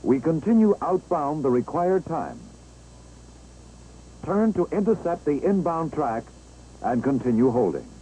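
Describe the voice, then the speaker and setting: This narration for an old 1960s training film comes from an American man whose tone is relaxed and mellow. His pitch rises and falls with liveliness, yet he explains every step in a measured way. The audio is poor, and an engine-like sound lingers faintly in the background of the aged track.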